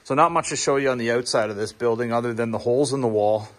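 Easygoing builder giving a tour. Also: male voice, medium pitch, quick pace. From Ontario, Canada. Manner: chatty, easygoing, with filler restarts. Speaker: builder and small business owner. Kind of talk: casual walking tour vlog. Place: workshop yard and small wooden building under construction.

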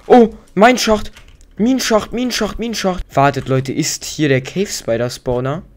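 A man's voice: medium pitch, a little mellow, slight background noise. A young man hosting a let's play, telling a story in casual, rambling, slang-heavy chat. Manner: slangy, rambling, chatty with many fillers. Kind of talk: casual gaming commentary while storytelling.

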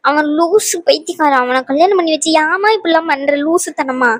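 A woman's voice: sits high, a little fast, dry recording, close to an everyday voice. A woman voicing a strong-willed young wife in a cartoon dub, talking emphatically and scolding. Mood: determined. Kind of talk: cartoon dubbing.

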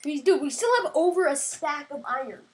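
A woman's voice: high-pitched, a little fast, darkish tone. A woman in casual, playfully argumentative banter while playing a video game. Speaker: gaming video player.

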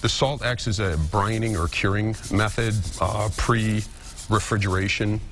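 A lower-pitched man in his forties, talking through a cooking demo on a TV studio kitchen set. He explains each step plainly, pausing often on fillers, into a lapel mic with a faint hum of studio ambience behind him. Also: steady tone, a bit bright. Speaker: chef and restaurant owner. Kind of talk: cooking demonstration on a TV show.

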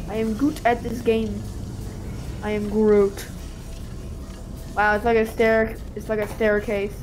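A woman's voice: on the high side, level tone, moderate pace, low-quality recording. A woman chatting casually and playfully as she plays a co-op game, given to silly exclamations. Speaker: co-op game player. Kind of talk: casual gameplay chat. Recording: game music behind the voice.

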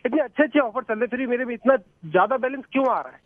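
Man, quick speech, confused and irritated, tinny phone line, dry. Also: extremely high pitch, no room sound. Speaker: caller.

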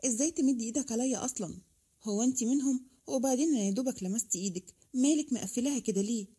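Egyptian accent, stubborn teenage girl, sharp, indignant, quick, read by a woman. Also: a little high, slightly rough. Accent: Egyptian Arabic. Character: proud, strict teenage schoolgirl.

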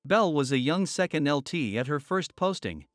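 A man narrating workplace and army stories in a steady scripted storytelling voice, lightly voicing the people in them. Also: a little high, normal speed, dry recording, clean studio sound, faint music behind.

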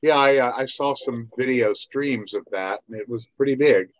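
A man's voice: mid-range voice, moderate pace, dry recording, low-quality recording. A man taking part in a meeting, chatting easily over a video call. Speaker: meeting participant. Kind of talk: casual video-call chat.

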